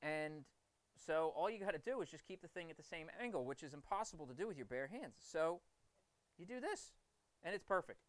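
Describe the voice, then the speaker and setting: A man's voice: a little high, lively intonation, brisk, dry recording. A man livestreaming from his basement forge, explaining knife grinding in an enthusiastic, rambling way. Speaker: streamer and knifemaker. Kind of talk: casual livestream talk while working.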